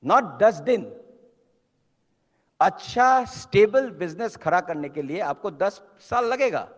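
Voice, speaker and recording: A man's voice: sits high, sing-song, takes it slowly. A man giving an emphatic motivational seminar talk, switching between Hindi and English and acting out quotes. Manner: emphatic, preacher-like exhortation. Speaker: motivational speaker at a business seminar. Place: large hall. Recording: long hall reverb.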